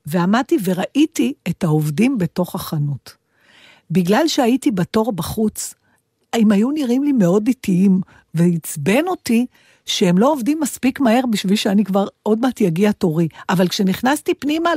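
A woman's voice: medium pitch, sing-song, mellow, slightly rough, dry recording, clean studio sound. A woman co-hosting a podcast in casual chat, a chatty storyteller who laughs easily. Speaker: podcast co-host.

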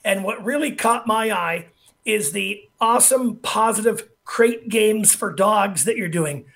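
A man's voice: high-pitched, a little slow, gravelly, a bit bright. Upbeat folksy male radio host. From Canada. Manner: upbeat, folksy, reads sponsor lists. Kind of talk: talk radio hosting.

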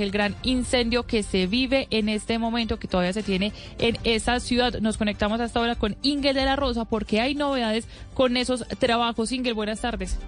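A woman presenting a live radio news bulletin. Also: a little high.

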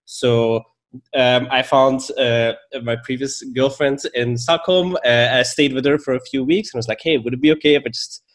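A podcast guest, a young Belgian man with a matching accent, recounts his story in relaxed interview style. He keeps a medium pitch, a steady tone and a moderate pace, friendly and often laughing.

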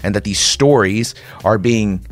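A man delivering an impassioned, sarcastic monologue to listeners like a conspiratorial late-night rant, with rhetorical questions, repetition and dramatic pauses. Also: on the low side, dry recording, faint music behind. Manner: dramatic pauses and repeated phrases. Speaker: commentator host.

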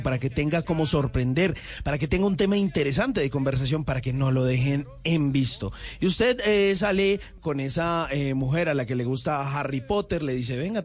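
A man hosting a casual chat, rambling on with trivia. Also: on the high side. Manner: enthusiastic, rambling storyteller. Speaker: host.

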